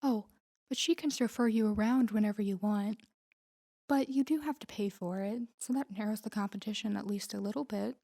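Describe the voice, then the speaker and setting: In an intimate roleplay audio drama, a woman voices a rich, confident girlfriend with a mellow, relaxed tone at a middling pitch. She talks briskly, smooth and playfully teasing, like a young woman used to getting her way.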